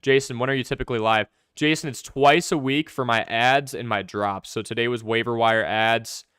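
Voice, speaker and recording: A young man hosting a live fantasy football stream, answering viewer questions in quick, chatty commentary. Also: mid-range voice, steady tone, a bit bright, clean tone, dry recording, clean studio sound. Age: young adult.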